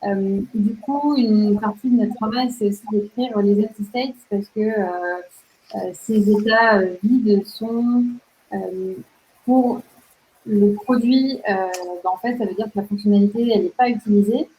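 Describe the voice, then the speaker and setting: A young adult woman presenting on UX writing in a measured way, with frequent fillers. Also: medium pitch, steady tone, mellow. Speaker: UX writer presenting. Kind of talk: casual presentation to an audience. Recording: slightly dull lo-fi sound.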